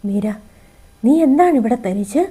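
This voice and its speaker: An anxious, devoted man pleads in a storybook reading, read by a woman narrator. His lines come higher and a bit louder, yet the tone stays mellow and warm. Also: expressive, measured pace, slightly rough. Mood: anxious, pleading. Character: worried grown man, a devoted father and lover.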